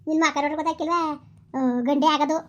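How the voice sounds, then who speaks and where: Brief: a woman playing gossiping village women, quick and chatty, high voice. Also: flat delivery, fairly bright tone, highs cut off. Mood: gossipy. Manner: chatty, exclaiming, repetitive village talk. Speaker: actor in a village skit. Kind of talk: rural comedy skit acting.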